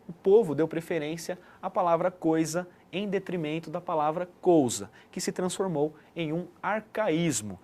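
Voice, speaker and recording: A man's voice: fairly high pitch, a little mellow. A man giving an explanatory online lesson as a teacher, checking in with the listener often. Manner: didactic, frequent "né" tag questions.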